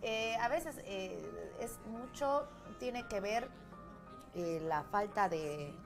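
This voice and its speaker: A woman's voice: medium pitch, slow, over music. A woman talking casually as a guest on a television studio chat show.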